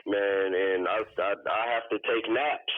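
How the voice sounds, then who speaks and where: A man's voice: on the low side, unhurried, background noise. A man in his twenties, a podcast guest calling in, talking casually and hedging with lots of "you know". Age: 20s. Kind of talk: casual chat. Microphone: phone call. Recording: dry, tinny phone line.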